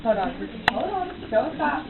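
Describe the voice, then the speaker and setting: A woman's voice: high voice, sing-song, a little slow, creaky. A giggly woman chatting casually on a homemade video, often breaking into laughter. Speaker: amateur video maker doing a burping contest. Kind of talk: casual home video chat. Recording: muffled phone-like audio, echoey, loud noise.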